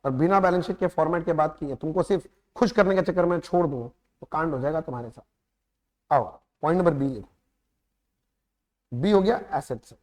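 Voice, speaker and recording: A man with an Indian accent lectures a class on accounting, firing quick check-in questions at his students and slowing right down to stretch out key terms. His voice sits fairly high for a man. The classroom leaves a long, ringing reverb behind every line. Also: darkish tone. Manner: talks straight to students, quizzing them with quick questions; lapses into slow, drawn-out words when stressing terms. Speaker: accounting teacher.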